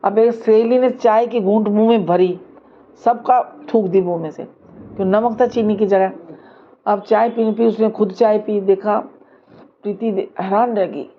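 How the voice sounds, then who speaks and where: A woman's voice: medium pitch, fairly even intonation, moderate pace. Woman storyteller, casual rambling narration, muffled lo-fi sound, faint room noise. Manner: loose, repetitive, with filler words.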